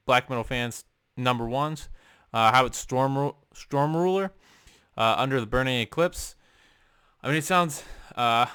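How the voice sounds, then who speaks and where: Young male vlogger, bright and crisp, rambly casual delivery, dry close sound. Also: mid-range voice, dry recording. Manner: rambling, many ums and uhs, casual swearing. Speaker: music vlogger. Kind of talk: casual album ranking chat. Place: home room.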